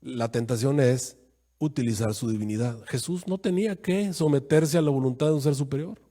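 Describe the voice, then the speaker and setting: A man preaching a sermon as pastor, acting out quoted voices with sudden jumps in pitch. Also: moderate pace, warm tone.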